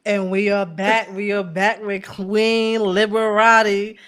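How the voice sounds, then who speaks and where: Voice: medium pitch, little pitch movement, slow, fairly bright tone, clear, resonant tone. A podcast host welcoming a guest back after a break in an upbeat, playful way. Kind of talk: casual podcast hosting.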